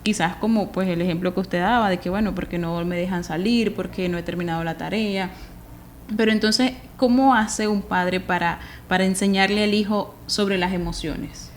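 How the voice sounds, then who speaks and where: A woman hosts an interview in an easy, conversational tone. She builds long questions step by step and keeps the guest going with soft murmurs of agreement. Faint background noise runs under the recording. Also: medium pitch, fairly even intonation, normal speed. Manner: frequent soft "ujú" backchannels, long framing questions. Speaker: interviewer, host.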